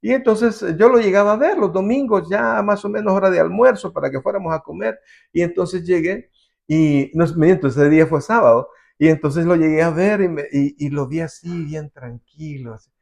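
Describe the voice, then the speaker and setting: A man's voice: fairly high pitch, moderate pace, vocal fry, darkish tone. A man preaching a sermon as pastor, earnestly, acting out the voices of the people in his stories.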